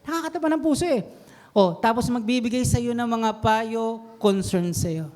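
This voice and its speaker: A man preaching a sermon to a congregation, animated and mixing English phrases in, often putting questions to his listeners. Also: very high voice, normal speed. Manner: animated, mixes English into Tagalog, quizzes the congregation. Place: church hall. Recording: long hall reverb.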